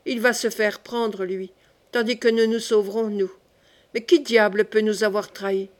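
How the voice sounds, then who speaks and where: A woman's voice: mid-range voice, fairly even intonation, moderate pace, close to an everyday voice. A woman reading the part of a cunning young king who speaks in a wry, teasing way. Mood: alarmed. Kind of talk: audiobook character reading.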